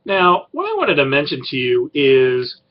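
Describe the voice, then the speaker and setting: A man's voice: medium pitch, wildly swooping pitch, unhurried, highs cut off. A middle-aged man who teaches college writing, giving a class introduction in a rambling way with many fillers and restarts. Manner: rambling, filler-heavy, self-correcting.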